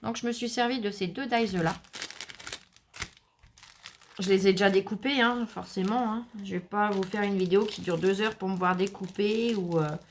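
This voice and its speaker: A woman's voice: mid-range voice, normal speed, slight background noise. Chatty woman hosting a craft tutorial. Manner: chatty, with many fillers and asides to viewers. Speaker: craft channel host.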